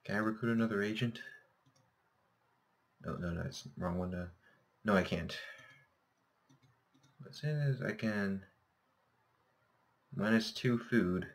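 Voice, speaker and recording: A man's voice: fairly low pitch, unhurried, pauses often. A man with a slightly scratchy, sore-throated voice commentating casually on a game, thinking aloud and correcting himself. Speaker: gameplay host.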